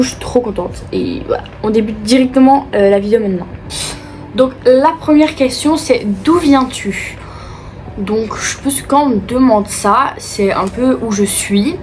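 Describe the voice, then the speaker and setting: A woman's voice: on the high side, normal speed, darkish tone, a little hiss or hum. A young woman from Liège with a Belgian French accent, casually answering viewer questions in a chatty, upbeat way, full of fillers. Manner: chatty and upbeat, many fillers like euh and du coup. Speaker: vlogger. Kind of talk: casual Q&A chat.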